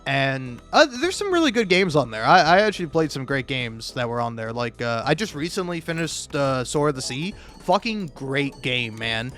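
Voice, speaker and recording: Here the same sort of Florida gaming creator speaks in a mid-range, slightly bright, sing-song voice at normal speed, barely pausing. He's an American man rambling over gameplay, hesitant and self-deprecating, with frequent stammers and repeated words, and music runs underneath.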